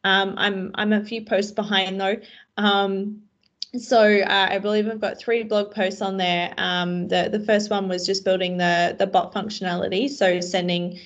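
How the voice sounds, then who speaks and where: A woman's voice: medium pitch, level tone, measured pace. A woman presenting casually at an online meetup, chatty and self-deprecating, with plenty of fillers. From Australia. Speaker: co-presenter, web developer. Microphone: video call. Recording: slightly dull online call audio.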